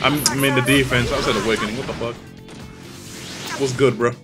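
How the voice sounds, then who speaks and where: A young man of Dominican background, a gaming YouTuber, speaks at a medium pitch with fairly even intonation and a fairly quick pace. He's giving casual, profane, trash-talking live commentary over his own online match, with game music behind him.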